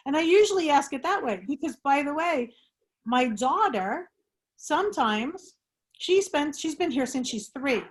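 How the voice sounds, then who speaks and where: A woman hosts an online group discussion over a video call. Her voice sits a little high. She talks in a rambling, animated way and often restarts her sentences. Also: a little slow. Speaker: discussion host. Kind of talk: casual talk to an online group.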